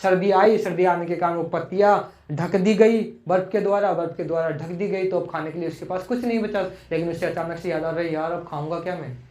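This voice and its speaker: A man's voice: high-pitched, steady tone, a little mellow, reverberant. A man teaching a poem line by line, repeating each phrase and spelling out words as he explains. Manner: repeats and spells out words, slow for English lines.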